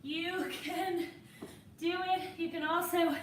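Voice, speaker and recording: A woman's voice: very high-pitched, fairly even intonation, takes it slowly, roomy sound, distant mic, slight background noise. A woman fitness instructor coaching a workout while exercising alongside, encouraging and a little winded.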